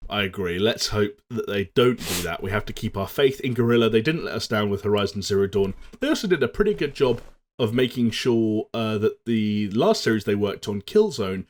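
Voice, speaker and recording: Low-voiced man hosting a chat show. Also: animated, fairly quick. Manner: fluent, steers the talk with segues. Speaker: podcast co-host. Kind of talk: casual chat.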